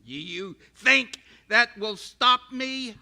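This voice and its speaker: An actor playing an arrogant, bitter invisible scientist in a radio-style drama, speaking in haughty, theatrical, formal language. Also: male voice, very high-pitched, animated, slow pace, pushed and bright, heavily acted. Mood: furious. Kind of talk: radio-style stage audio drama acting.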